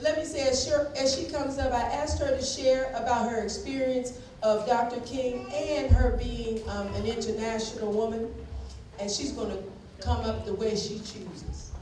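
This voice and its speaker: A woman's voice: on the high side, normal speed, a little mellow, a little hiss or hum. Casual female emcee in an echoey hall. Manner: informal, stumbling restarts. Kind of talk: introducing speakers. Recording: echoey hall, distant mic.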